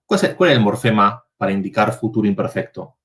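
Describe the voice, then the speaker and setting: A man's voice: fairly low pitch, expressive, quick pace, a bit bright. Man explaining Latin grammar step by step. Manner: explains step by step, checks with students. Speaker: Latin teacher. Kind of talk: university class workshop.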